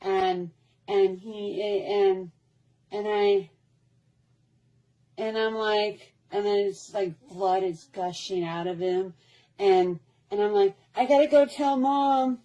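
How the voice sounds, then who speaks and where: A woman's voice: medium pitch, little pitch movement, slow pace, pauses often, warm tone, low-quality recording. A woman telling a childhood story in a casual, rambling way, repeating herself and restarting often. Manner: rambling, repetitive, with many restarts.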